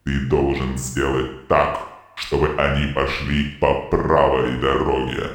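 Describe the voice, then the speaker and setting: A man playing a menacing, commanding dark lord in a fantasy radio play, slow and gravelly, in a cavernous echo. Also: very deep voice, completely flat delivery, exaggerated voice. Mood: ominous, commanding. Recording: cavernous echo, faint music underneath.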